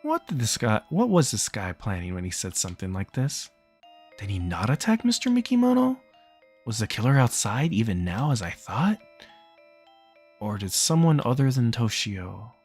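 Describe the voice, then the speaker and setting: A man's voice: mid-range voice, very animated, moderate pace, a little mellow, husky, faint music behind. A man reading a visual novel's text aloud for a let's play, narrating plainly and stopping now and then to joke and laugh. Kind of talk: reading game text aloud with casual asides.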